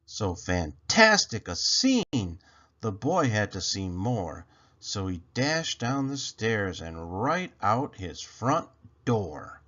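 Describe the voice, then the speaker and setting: With a fairly low voice, a man reads a rhyming children's story aloud, theatrical and expressive, stretching out his phrases. The recording has a lo-fi quality.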